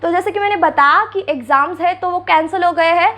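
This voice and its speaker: Sassy young woman vlogger, high voice. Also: a little fast, sharp tone. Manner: sassy, answers critics with sarcasm. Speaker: beauty vlogger. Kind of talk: casual reaction vlog. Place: seated indoors before a ring light and backdrop. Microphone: clip-on mic.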